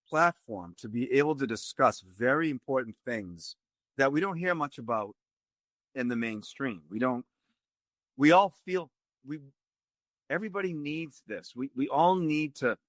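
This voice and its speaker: A man with a Boston accent, a tai chi teacher speaking earnestly as a podcast guest and spelling out details slowly. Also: medium pitch, fairly bright tone, no room sound.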